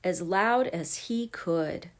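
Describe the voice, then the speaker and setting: A woman reading a children's picture book aloud, gentle and expressive, sometimes dropping to a hush. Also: lowish voice, slow. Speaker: storybook reader.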